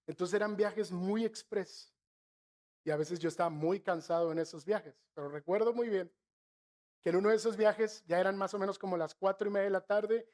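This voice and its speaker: Middle-aged Mexican pastor, raised pitch, storytelling sermon with asides to the congregation. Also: male voice. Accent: northern Mexican. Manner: slows and softens to stress key phrases.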